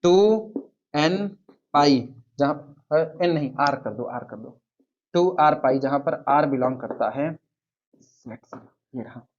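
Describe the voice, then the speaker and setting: A man teaching a math lecture, dictating steps slowly and quizzing his students as he goes. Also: medium pitch, muffled recording. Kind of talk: classroom lecture.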